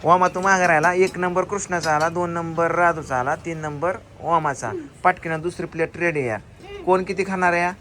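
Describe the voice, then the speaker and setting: A man's voice: fairly high pitch, steady tone, normal speed, a bit bright, a little hiss or hum. A man running a family food challenge outdoors, hurrying the eaters along and teasing them as he counts the scores. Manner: urges and teases, counts out scores. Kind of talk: casual excited commentary.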